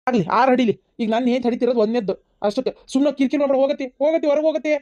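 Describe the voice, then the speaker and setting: A woman's voice: high voice, racing, mellow, dry recording, close to an everyday voice. A woman voicing a tearful young husband who is devoted to his wife, in a cartoon, with a North Karnataka accent and an earnest, emotional way of talking. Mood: shooing. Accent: North Karnataka Kannada. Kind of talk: cartoon voice acting. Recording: dull lo-fi sound.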